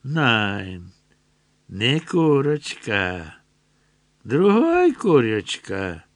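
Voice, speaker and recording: A man voicing a leering, menacing middle-aged German soldier who speaks in broken, German-accented words, slow and mocking. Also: mid-range voice, wildly swooping pitch, no room sound, heavily acted. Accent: broken German-inflected speech.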